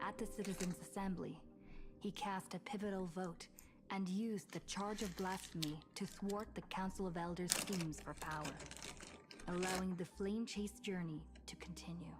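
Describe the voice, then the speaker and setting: A woman voicing a calm young woman who narrates a story recap in a video game, in a measured, steady way. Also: on the low side, natural voice. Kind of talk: scripted narration. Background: game music.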